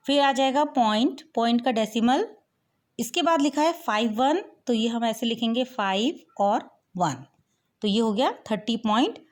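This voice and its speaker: A woman's voice: fairly high pitch, a little mellow. A woman teaching a maths lesson, explaining step by step and asking the viewer questions as she goes.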